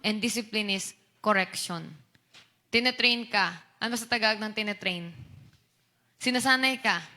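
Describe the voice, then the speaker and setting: A woman's voice: fairly high pitch, bright, forceful tone. A young woman giving a casual youth sermon in Taglish, mixing Tagalog and English, chatty, asking her listeners questions. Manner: chatty Taglish preaching, asks the crowd questions. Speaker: youth preacher and voice teacher.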